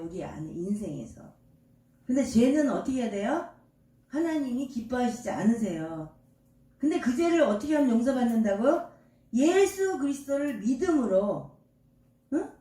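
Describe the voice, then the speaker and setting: An older woman pastor preaching in a high voice, tossing questions out to the congregation and answering them herself in a folksy, homely way. She is heard from across a reverberant church, not close to the mic. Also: mellow. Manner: call-and-response, quizzing the congregation. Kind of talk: sermon. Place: church sanctuary. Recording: echoey church from far off.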